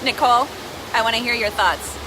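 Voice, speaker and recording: A woman with a fairly high voice talks casually to her livestream viewers. She is upbeat, chatty and quick to joke as she co-hosts. A steady rushing noise sits clearly behind her voice. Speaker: co-host promoting a giveaway.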